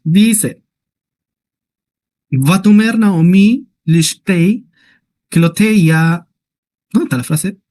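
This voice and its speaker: A man teaching a Hebrew class in Spanish who explains step by step, checks in often with short questions, and reads Hebrew words out slowly. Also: a little high, mellow. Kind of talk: online class lecture.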